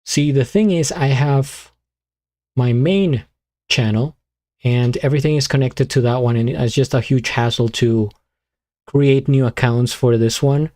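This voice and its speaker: A man streaming live, chatting casually and muttering to himself as he fiddles with his streaming software. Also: medium pitch, measured pace. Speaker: beatbox streamer.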